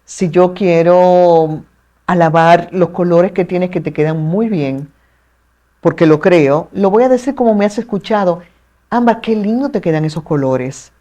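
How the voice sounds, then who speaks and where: Dominican woman, lower-pitched, poised expert guest, expressive and articulate. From Dominican Republic. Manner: articulate, measured, expressive with playful asides. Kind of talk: explanatory interview talk.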